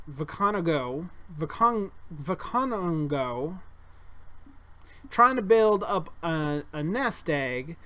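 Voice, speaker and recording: A man's voice: high voice, pushed and bright, pitched above the performer's own voice, full character voice. A man putting on a boastful circus showman. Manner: folksy, bragging drawl with put-on accent. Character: boastful male circus owner, middle-aged showman. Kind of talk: reading a board game character aloud.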